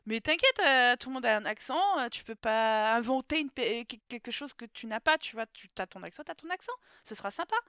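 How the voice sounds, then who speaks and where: A woman's voice: fairly high pitch, animated, brisk, few pauses, bright, forceful tone, smooth, no echo, highs cut off. A woman streaming a life-sim game from home, chatting casually and talking to her game characters. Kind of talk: casual live gameplay commentary.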